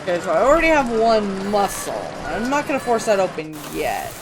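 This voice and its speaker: Jokey gamer reading game text out loud, pitch jumping around, rain in the background. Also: a little fast. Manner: animated, jokey, reads dialogue aloud. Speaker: let's-play gamer. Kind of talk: let's-play commentary and dialogue reading. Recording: rain noise behind.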